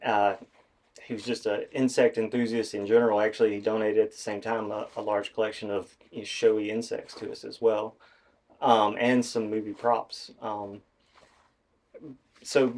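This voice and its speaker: A man's voice: fairly low pitch, little pitch movement, moderate pace, darkish tone. A middle-aged man, a museum director and professor, explaining his work informally in an interview.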